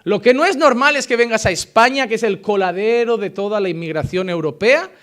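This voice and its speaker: Brisk and impassioned, this Spanish preacher from Spain delivers his sermon in a notably high voice. Loud, emphatic pushes alternate with hushed, earnest passages.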